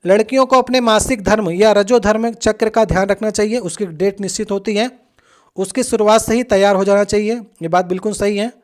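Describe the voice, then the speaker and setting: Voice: mid-range voice, steady tone, fairly quick. A coaching teacher patiently talking through past exam questions, addressing the students directly and often checking in with them.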